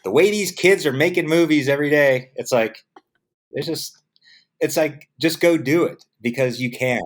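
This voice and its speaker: This interview guest is a middle-aged film production professional from San Diego with an American accent and a somewhat high voice at normal speed. His answers are casual and anecdotal, and he animatedly acts out bits of dialogue as he tells stories.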